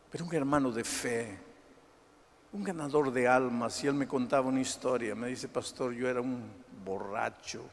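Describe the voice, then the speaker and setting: A male pastor preaching a sermon, telling stories dramatically and swinging from hushed tones to shouting. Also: mid-range voice. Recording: echoey hall with music behind.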